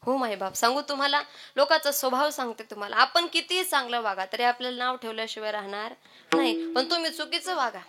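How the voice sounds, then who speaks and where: A woman preaching a humorous kirtan sermon to a live audience, lively and often asking the crowd whether she is right. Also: high voice, quick pace.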